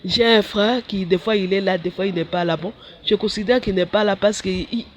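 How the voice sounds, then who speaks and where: A woman, a religious sister, preaching a sermon and acting out her own talks with God in a high voice. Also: fairly quick, slight background noise. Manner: animated, jumps high when acting out dialogue with God.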